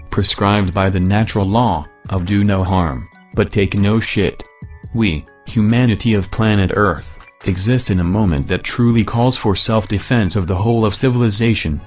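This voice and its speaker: A man reading a scripted protest manifesto in a disguised deep voice, solemn and measured, declaiming in repeated phrases. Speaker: anonymous activist spokesman.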